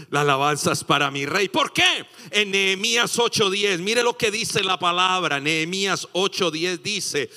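Man, pastor, sermon, bright ringing tone, loud sung peaks and hushed asides. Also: high-pitched. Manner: swings from loud singing exclamations to hushed asides, acts out quotes. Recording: long hall reverb.

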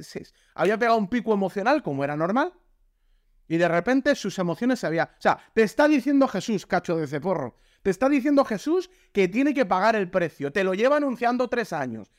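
A man with a Spain Spanish accent giving a lively, jokey sermon and acting out the voices he quotes. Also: sits high, no echo, studio quality. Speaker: pastor.

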